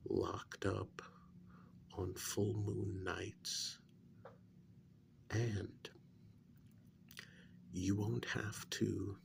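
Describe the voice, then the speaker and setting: In a soft-spoken ASMR role-play, a man plays a calm government agent questioning a captured werewolf, his voice fairly low, breathy, and often close to a whisper. The performance is heavily acted, measured, quietly coaxing, and matter-of-fact in mood.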